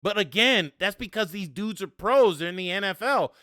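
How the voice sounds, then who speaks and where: A man hosting a sports podcast, talking casually with animated, annoyed rhetorical questions. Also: high voice, moderate pace, no echo, studio quality. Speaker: podcast host.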